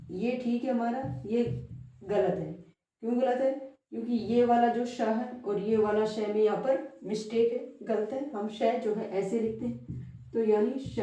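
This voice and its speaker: Woman teacher, mellow voice, far off the mic in a very echoey room, patient and repetitive. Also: fairly high pitch. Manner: explanatory, repeats words, frequent fillers. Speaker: Hindi teacher. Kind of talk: classroom lesson on spelling.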